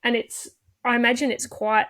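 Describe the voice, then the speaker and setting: A woman's voice: fairly high pitch, level tone, moderate pace, fairly bright tone. A woman hosting a podcast interview, chatting in an empathetic, casual way. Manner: empathetic, chatty, laughs often. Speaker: podcast host.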